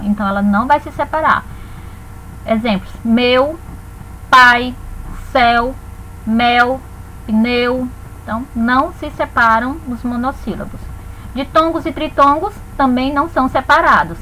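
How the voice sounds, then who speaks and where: A woman teaching a recorded lesson. Her voice is high and bright. She spells out syllables slowly and clearly, with a faint hiss behind her. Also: low-quality recording. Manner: slow, spelled-out dictation of syllables. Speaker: Portuguese teacher.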